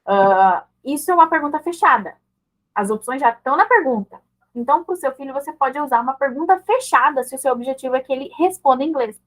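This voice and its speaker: Woman, high voice, conversational parenting mentor who checks in with quick tags and acts out parent-child examples. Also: expressive, poor audio. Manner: conversational, often checks in with short tag questions. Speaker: mother teaching her child English. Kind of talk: online mentoring talk.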